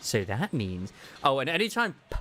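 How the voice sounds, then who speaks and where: A man's voice: mid-range voice, wildly swooping pitch, normal speed, sharp tone, a little hiss or hum. A man casually commenting while playing a game, rambling and swearing, on a desk mic. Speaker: streamer.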